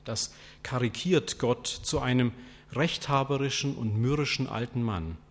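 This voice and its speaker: Slow-speaking preacher man in a reverberant hall. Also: medium pitch. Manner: questioning, rhetorical, deliberate. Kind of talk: sermon.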